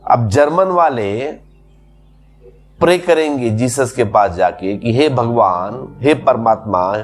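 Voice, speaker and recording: A man's voice: medium pitch, takes it slowly, soft background music. A man giving a spiritual discourse as a teacher, explaining patiently through repeated everyday examples.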